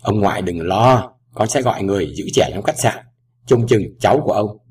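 An emotional grown daughter, as a male reader puts her on, her voice pitched up high and swinging widely as she pleads through a lump in her throat. The voice sounds a little husky and sits far back from the microphone. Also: expressive, fairly quick, a little mellow. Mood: eager. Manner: choked, raised voice. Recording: voice distant from the mic.

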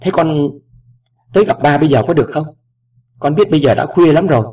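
A man's voice: medium pitch, lively intonation, fairly quick, darkish tone, slightly rough. A man voicing a grown daughter who speaks in a choked, pleading, raised voice, recorded at a distance from the mic. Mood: eager.

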